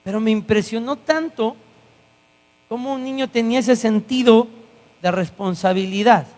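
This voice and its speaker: A man's voice: sits high, moderate pace. A male guest pastor preaching a sermon, telling stories with acted-out dialogue. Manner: animated storytelling, acting out dialogue. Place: church hall. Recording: church hall with long reverb and mains hum.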